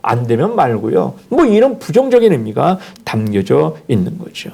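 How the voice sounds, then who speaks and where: A man's voice: sits high, creaky, darkish tone. A man preaching a sermon as senior pastor, dramatically acting out the lines of the people he quotes.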